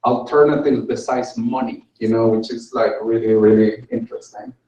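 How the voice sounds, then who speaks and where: A man's voice: medium pitch, fairly even intonation, moderate pace, warm tone, lo-fi sound. A middle-aged man giving an informal course lecture, peppering his sentences with "like" and "you know". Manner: says "like" and "you know" a lot. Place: indoor venue room with small stage. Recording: roomy echo, distant camera pickup.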